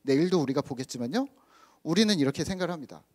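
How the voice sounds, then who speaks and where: A man's voice: fairly high pitch, quick pace. A man, a pastor, delivering a sermon and acting out the quoted lines of scripture. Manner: lively, acts out quoted lines in raised voice. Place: church.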